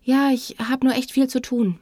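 A woman's voice: high voice, flat delivery, moderate pace, mellow, dry recording, studio quality, pitched above the performer's own voice. A woman voicing a stressed, ashamed young woman who gives short, hesitant answers in a storybook reading. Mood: evasive. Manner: hesitant and clipped.

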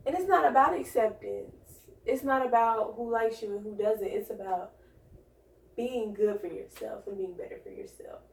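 A woman's voice: on the high side, normal speed, vocal fry. A woman co-hosting a casual chat, giving earnest self-love advice in a rambling way. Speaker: podcast co-host. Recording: echoey room, far from mic.

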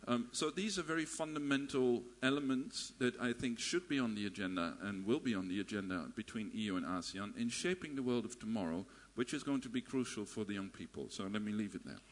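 A man on a panel wrapping up his answer, measured and slightly halting. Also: fairly low pitch.

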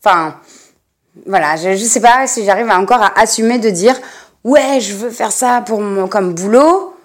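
A woman's voice: mid-range voice, moderate pace. Young woman, podcast host; casual, rambling delivery, lots of restarts. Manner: chatty, rambling, many fillers and restarts. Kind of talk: casual personal podcast monologue.

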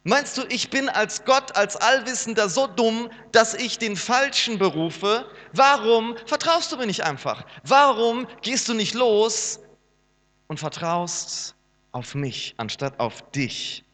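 Man, pastor, sermon, high bright voice, lively preaching, long hall reverb, mains hum. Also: takes it slowly.

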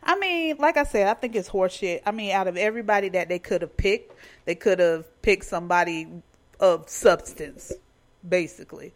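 A woman sitting in as an impromptu podcast guest, speaking at a middle pitch. She is blunt and scornful, and talks casually. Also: moderate pace. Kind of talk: casual chat. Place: home.

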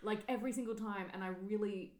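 A woman's voice: mid-range voice, steady tone, fast talker, darkish tone, a little hiss or hum. A woman in an easygoing film chat. She laughs a lot and slips into playful impressions of characters. Her voice sits in a roomy, echoey space. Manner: laughs often, playful mimicry. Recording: roomy echo.

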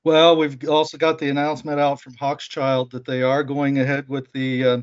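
Man, market commentator, low quality stream, patchy audio, dry lo-fi laptop sound, hesitant. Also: completely flat delivery, moderate pace, dry recording. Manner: hesitant, many fillers. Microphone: laptop mic on a remote call.

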